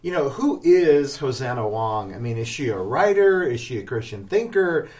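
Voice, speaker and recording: A man's voice: medium pitch, sing-song, moderate pace, darkish tone. A man co-hosting a casual podcast chat, sounding slightly distant from a small shared microphone. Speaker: podcast co-host. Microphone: small microphone shared by two people, slightly distant.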